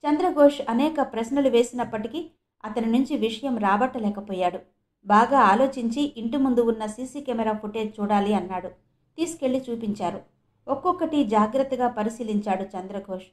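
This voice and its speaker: A woman from India narrating a detective novel in steady storytelling fashion. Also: a little high, normal speed. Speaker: audiobook narrator. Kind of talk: scripted narration.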